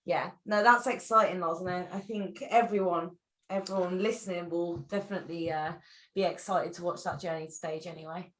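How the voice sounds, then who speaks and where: A woman's voice: lowish voice, steady tone, moderate pace, a bit bright, poor audio. A woman in her twenties co-hosting a podcast, chatting casually, asking rhetorical questions with the odd swear word. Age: 20s. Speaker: podcast co-host.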